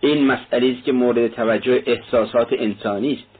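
A man reading the part of a shrewd middle-aged male magistrate who questions in a measured, probing way. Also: medium pitch, fairly even intonation, husky, close to an everyday voice. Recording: tinny narrow-band audio.

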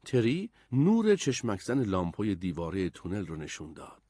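A man narrating a children's adventure story aloud in an expressive, animated way. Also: on the low side, slight background noise.

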